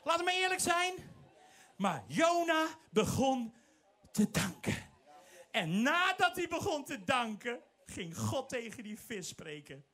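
A man's voice: extremely high pitch, big pitch swings, slow, fairly bright tone. A man preaching a fervent sermon as an evangelist, telling Bible stories dramatically and dropping in English phrases.

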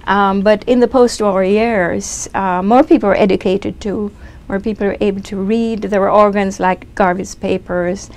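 A woman's voice: medium pitch, fairly even intonation, moderate pace, a little mellow. A woman in a documentary interview explaining history in a thoughtful, conversational way. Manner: thoughtful, explanatory, with fillers and restarts.

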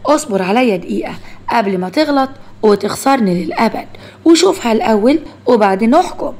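Woman voicing a spiteful young woman, Egyptian accent, husky, quick. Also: a little high, lively intonation. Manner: sharp, mocking.

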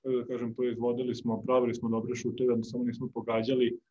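Low-key young man, flat and mellow. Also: fast talker, dull audio. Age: young adult. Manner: calm, low-key, searching for words. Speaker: basketball player. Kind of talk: postgame press conference answers. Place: press room before a sponsor backdrop.

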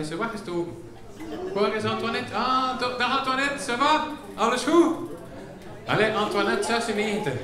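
A Flemish man doing comedy for care home residents, chatty and teasing, throwing questions at the audience. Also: sits high. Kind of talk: live comedy and game show banter with the audience. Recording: echoey hall with audience murmur.

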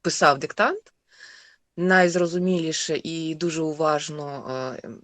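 A woman's voice: sits low, steady tone, measured pace, fairly bright tone, no room sound. Woman, author, radio studio talk, hesitant, reflective, dry close sound. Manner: thoughtful, hesitant with many fillers. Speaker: author of the dictation text.

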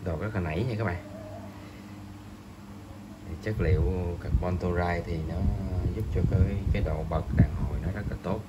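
A man reviewing a fishing rod in a hesitant voice-over, pausing often and filling gaps. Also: sits low, highs cut off, very noisy. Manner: slow, hesitant, many pauses and fillers.

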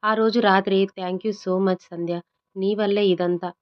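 A woman's voice: medium pitch, fairly even intonation, unhurried, lo-fi sound, close to an everyday voice. A woman voicing a playful young husband in a storybook who pleads and teases. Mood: pleading. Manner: pleading and teasing.

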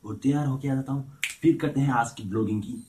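A playful young adult from India vlogs casually with a camera held at arm's length, both at home and outdoors in a village. His mid-range voice is quick and dark-toned with a little hiss or hum, and he jumps between Hindi and broken English.

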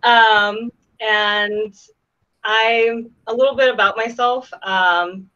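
A woman's voice: fairly high pitch, fairly even intonation, takes it slowly, pushed and bright, clean tone, dull audio. A young woman from Southern California, a panelist introducing herself on a video call, hesitant and full of ums. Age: young adult. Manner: hesitant, many ums and restarts.

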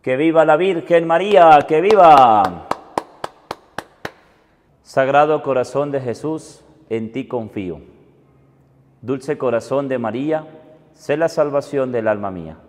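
Slow priest in cathedral echo. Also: male voice, medium pitch, expressive, slight background noise. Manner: soft, measured, prayerful delivery. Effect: cathedral echo, long church reverb. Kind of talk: leading mass prayers. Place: large church. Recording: long church hall reverb.

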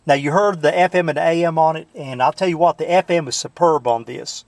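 This CB radio fan demos his set from his truck, chatting in a homey, filler-heavy style. He speaks a bit quickly in a higher, creaky voice, recorded dry with no echo. It's an easygoing show-and-tell.

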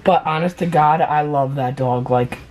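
A man's voice: a little high, normal speed, a little mellow, a little hiss or hum, low-quality recording. A young man in his late teens chatting casually in a home vlog, rambling with lots of fillers and self-corrections. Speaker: vlogger.

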